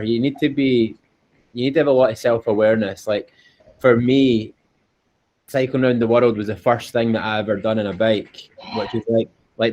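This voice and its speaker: A man from Scotland, an endurance cyclist, is a guest in a casual interview, speaking earnestly and repeating himself a good deal. His voice is on the low side and darkish, and the call audio is dull and lo-fi.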